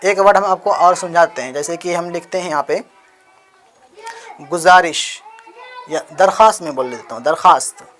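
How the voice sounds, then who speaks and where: Man slowly spelling out letters. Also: fairly high pitch, a bit bright. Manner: repetitive, patient, asks and answers his own questions; spells out letters one at a time. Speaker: Urdu writing teacher. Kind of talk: explanatory handwriting lesson.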